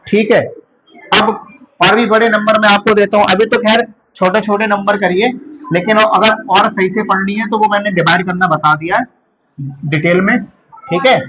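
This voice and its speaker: A male school teacher from India explaining division in a lesson, asking questions and answering them himself, and slowly repeating key terms. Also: high-pitched, rough recording. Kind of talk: classroom math lesson.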